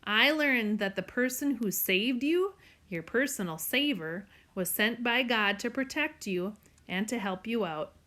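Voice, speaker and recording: Female audiobook narrator, earnest first-person storytelling, slightly higher pitch. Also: animated, measured pace, sharp tone.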